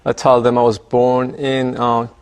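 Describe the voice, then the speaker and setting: A man raised in Ghana answers interview questions in a voice of middling pitch with a strongly gravelly edge. He talks thoughtfully and often pauses or repeats a word before going on. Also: monotone, darkish tone. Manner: thoughtful, with hesitations and repeated words. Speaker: ambassador interviewee.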